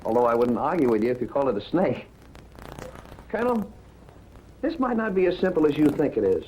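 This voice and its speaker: An actor playing a sarcastic ex-cop private detective with a Brooklyn accent, in 1940s film acting with a breezy, wisecracking delivery. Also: male voice, medium pitch, sing-song, brisk, highs cut off, natural voice. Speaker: private investigator. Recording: old film soundtrack with faint hiss.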